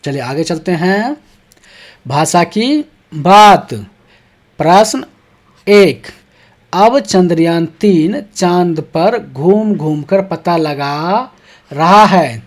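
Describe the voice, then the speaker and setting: With a medium pitch and lively intonation, a teacher takes young schoolchildren through textbook exercises at an intentionally slow, easy pace. Questions are read aloud before being answered step by step, punctuated by regular "ठीक है" check-ins.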